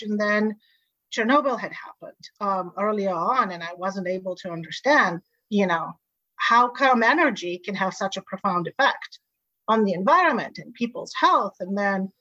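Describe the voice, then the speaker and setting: A woman from Bulgaria, a guest on a podcast, telling her story with animated energy and frequent laughs over a video call. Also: mid-range voice, no echo. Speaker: guest, energy board chair. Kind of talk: interview conversation. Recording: dull dry video call audio.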